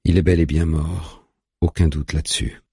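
A man narrating an audiobook in a steady, measured way. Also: extremely low pitch, gravelly, breathy edge, no echo, studio quality.

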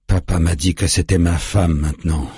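A man voicing a hulking, childlike grown man who sulks and speaks in a thick voice, slowly. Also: low voice, steady tone, warm tone, husky, no room sound, clean studio sound, heavily acted. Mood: sulky.

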